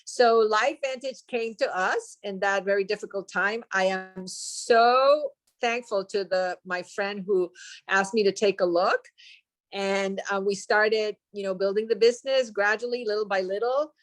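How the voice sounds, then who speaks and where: A woman's voice: medium pitch, measured pace. A woman who works as a dog trainer giving an earnest testimonial on a video call, with some fillers.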